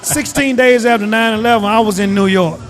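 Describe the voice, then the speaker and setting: A middle-aged man from Mississippi with a Southern accent, speaking as a guest in a casual interview with emphatic, drawn-out stresses. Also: high voice, a bit bright. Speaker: guest, retired government agent.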